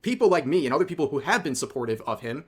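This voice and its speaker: A man's voice: fairly high pitch, very animated, very fast, breathy edge. A man giving news-style opinion commentary in an emphatic way, repeating points for effect. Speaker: commentary video creator.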